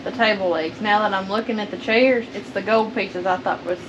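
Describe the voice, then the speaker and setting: A woman's voice: mid-range voice, fairly quick, lo-fi sound. A woman in her thirties chatting casually as a vlog co-host in a plain-spoken, practical way. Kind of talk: casual chat. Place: inside a metal storage unit. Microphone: camera a few feet away. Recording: noisy ambient background.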